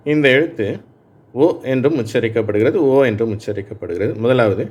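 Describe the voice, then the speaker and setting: Man, phonics teacher, explains patiently, reads words for students to repeat, average pitch. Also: a little mellow, husky. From Tamil Nadu, India. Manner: reads English words aloud for learners to repeat; explains slowly, checking in with "சரியா?". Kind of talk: Tamil-language phonics lesson.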